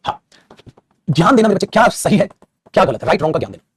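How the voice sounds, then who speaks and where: Fast, husky, animated male grammar teacher. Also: high voice, no echo. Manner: animated, calls students 'beta', scolds and coaxes. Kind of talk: online class lecture.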